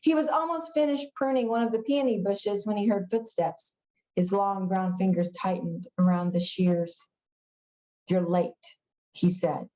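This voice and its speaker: A woman reads a children's novel aloud with expressive storytelling. Her voice is mid-range and her pace moderate, though the audio quality is poor.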